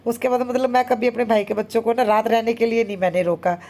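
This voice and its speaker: A woman in her thirties, a homemaker vlogger, chatting casually and very fast with many fillers. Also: a little high, fairly even intonation, a little mellow. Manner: talks very fast. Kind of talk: casual vlog narration.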